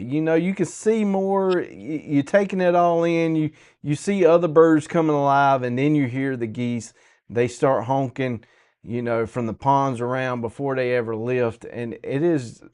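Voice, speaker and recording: A man's voice: mid-range voice, darkish tone. A man with a Southern US accent hosting a podcast, chatting casually in a folksy, colloquial way. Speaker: podcast host.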